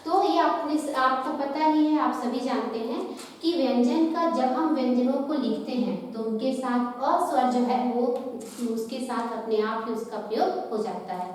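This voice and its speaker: A woman teacher explains a grammar point patiently, step by step. Her voice sits high and carries through a reverberant room. She is recorded from some distance, with a long echo trailing each phrase. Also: measured pace. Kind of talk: Hindi grammar lesson. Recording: echoey room heard from a distance.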